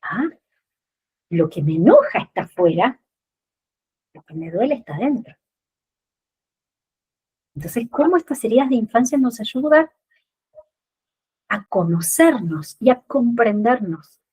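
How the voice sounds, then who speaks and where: Woman therapist guest, higher voice, breathy, animated teaching manner. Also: unhurried, pauses often. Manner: expressive, acts out little scenes and rhetorical questions. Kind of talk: explanatory interview talk.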